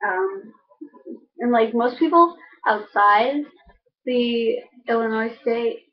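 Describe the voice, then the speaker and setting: Casting: young woman, Chicago accent, fairly high voice, casual rambling vlogger delivery, dull lo-fi recording. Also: animated, slow pace. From Chicago suburbs, United States. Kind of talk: casual chat to camera. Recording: dull lo-fi microphone.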